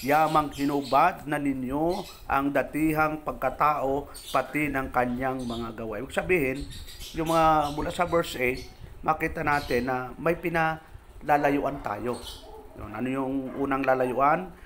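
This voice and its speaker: A man from the Philippines preaching in a relaxed, conversational way. He reads scripture in English, then talks it through in plain everyday Tagalog. His voice sits at an ordinary pitch, and there is a faint hiss of background noise. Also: measured pace. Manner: reads English verses then explains in Tagalog, addresses listener directly. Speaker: pastor. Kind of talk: conversational sermon.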